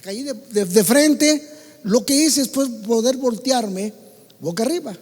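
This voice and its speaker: A Mexican pastor preaches in a church hall, his voice high for a man and trailing a long reverb. He swings from loud calls to the congregation down to quiet, low asides. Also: lively intonation, unhurried. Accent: Mexican Spanish. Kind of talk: sermon.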